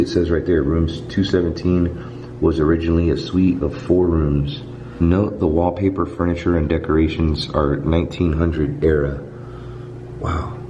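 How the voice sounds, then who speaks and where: A man's voice: low-pitched, dark tone, a little hiss or hum. A man hosting a casual walk-and-talk vlog, telling ghost-tour history in a colloquial, rambling way. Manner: colloquial, rambling explanations with frequent "you know". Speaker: vlog host. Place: indoors in a large hotel. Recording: roomy echo with background music. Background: music.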